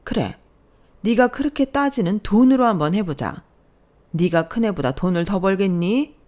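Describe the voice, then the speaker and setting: A woman voicing a furious older mother-in-law who berates her daughter-in-law in a loud, scolding voice. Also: mid-range voice, animated, normal speed, lightly acted. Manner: shouting, berating.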